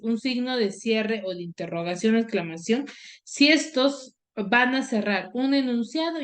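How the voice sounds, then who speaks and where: A woman teaching an online class. She explains step by step and keeps checking in with her pupils through short questions. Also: a little high. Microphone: video call.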